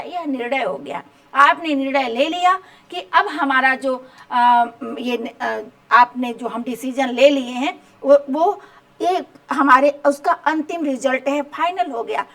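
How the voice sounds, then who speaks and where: High-voiced woman teaching a class. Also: expressive, measured pace, a bit bright. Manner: repeats rhetorical questions, checks understanding. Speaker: home science teacher. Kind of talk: exam-prep lecture.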